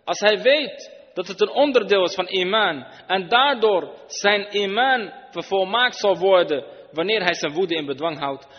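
High-voiced man preaching in a reverberant hall. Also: expressive, measured pace. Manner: earnest, explanatory, weaving in Arabic phrases. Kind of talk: Islamic sermon. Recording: dull lo-fi sound with long hall reverb.

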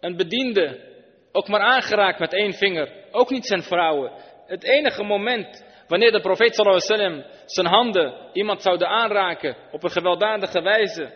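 High-voiced man preaching in a reverberant hall. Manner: earnest, explanatory, weaving in Arabic phrases. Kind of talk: Islamic sermon. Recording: dull lo-fi sound with long hall reverb.

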